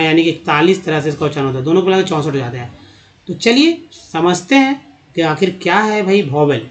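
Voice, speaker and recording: A man teaching English pronunciation to viewers in Hindi, calling them friends and repeating sounds slowly to drill them. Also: a little high. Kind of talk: explaining to viewers. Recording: dull lo-fi sound.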